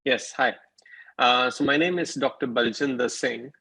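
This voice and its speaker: A man's voice: mid-range voice, normal speed, vocal fry, bright, forceful tone, breathy edge, poor audio. A man from the UAE, an emergency physician and educator, eagerly introducing himself on a video call.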